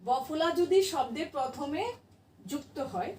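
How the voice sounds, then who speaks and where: Woman teacher, high voice, patient question-and-answer lesson, distant mic with room echo. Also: measured pace, a little mellow, slight background noise. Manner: patient, asks the class questions and answers them herself. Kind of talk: classroom grammar lesson.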